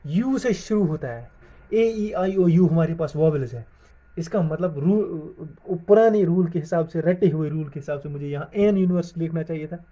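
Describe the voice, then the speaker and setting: Man teaching grammar, dark dull sound. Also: a little high, moderate pace. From Jammu and Kashmir. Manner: repeats questions to the class and answers them himself; spells words out letter by letter. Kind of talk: classroom-style video lesson.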